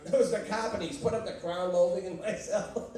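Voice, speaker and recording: His voice is high yet steady, fairly quick and dark-toned: a Bostonian with a thick local accent doing a stand-up set of brash, punchy tales and audience back-and-forth. The recording is distant and echoey, with the crowd laughing and making noise.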